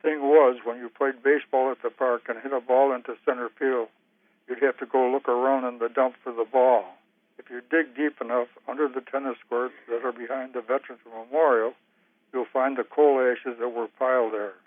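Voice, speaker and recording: A man reading a memoir passage in a flat, even storytelling voice. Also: mid-range voice, normal speed, no room sound. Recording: tinny phone-like sound.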